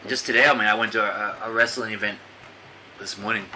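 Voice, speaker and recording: A man's voice: lowish voice, steady tone, a little fast, bright, forceful tone, a little hiss or hum, rough recording. A man in his thirties from Australia, a podcast guest chatting casually in a laid-back, blunt way. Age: 30s. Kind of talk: casual chat.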